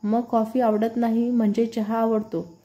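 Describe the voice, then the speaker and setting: A woman voicing a shy but quick-witted young woman who gives short answers, in a read-aloud storybook. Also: a little high, flat delivery, mellow, close to an everyday voice.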